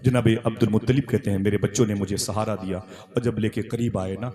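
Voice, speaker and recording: A man's voice: fairly low pitch, steady tone, fast talker. A man delivering a devotional sermon, acting out the figures in his story and calling on the audience to respond. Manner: acts out quoted figures, calls the crowd to respond. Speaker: Islamic preacher. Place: large gathering with audience. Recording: loud crowd behind the voice.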